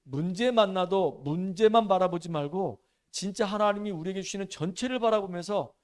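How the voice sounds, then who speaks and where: Man, pastor, church sermon, high-pitched, emphatic, animated storyteller. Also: normal speed. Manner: animated storytelling, emphatic, dropping low for solemn points.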